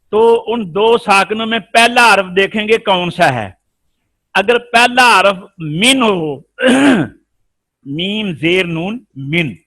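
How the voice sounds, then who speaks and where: High-voiced man teaching Quran recitation. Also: a bit bright, no room sound. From Pakistan. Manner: explains rules slowly, then chants Arabic examples; quizzes his students. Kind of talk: tajweed lesson.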